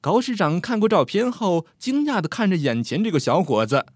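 Man, storyteller, scripted story narration, expressive, wide pitch swings, slightly high, dry close sound. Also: brisk, no echo. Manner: expressive, lively delivery.

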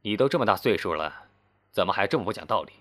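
A man's voice: lowish voice, animated, fast, fairly bright tone. A man putting on a scornful rich man of thirty. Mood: indignant. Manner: haughty, threatening bargaining.

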